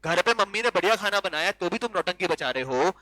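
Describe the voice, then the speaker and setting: A male law teacher giving an animated classroom lecture, full of rhetorical questions and switching into English. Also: high voice, fast, no echo, poor audio.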